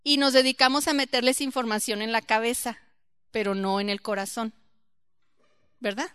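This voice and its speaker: A woman giving a church Bible teaching, lively and questioning her group, acting out quoted voices. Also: fairly high pitch, normal speed, smooth, dry recording.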